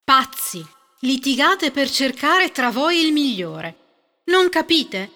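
A high, bright, swooping fairy of peace scolds and commands in a storybook tale, as a woman puts her on. The voice sits far off in a hall with a long echo, and it is slow and deliberate. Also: lively intonation, heavily acted. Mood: stern. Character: stern female fairy of peace.

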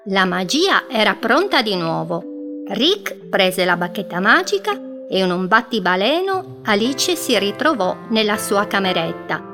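Female storyteller, gentle children's narration, music bed. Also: mid-range voice, sing-song. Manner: gentle, slow storytelling with drawn-out words.

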